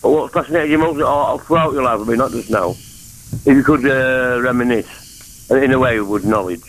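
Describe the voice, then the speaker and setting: This caller, a Mancunian man from England, drifts between subjects as he rambles on a phone-in line. He has a mid-range voice at a normal speed, and the low-quality audio carries slight background noise.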